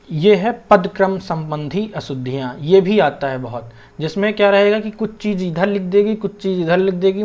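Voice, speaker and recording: Young man, exam-prep teacher, casual explaining, checks in often, slightly high voice. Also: dull audio. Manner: conversational, keeps checking in with "theek hai"; mixes English words into Hindi.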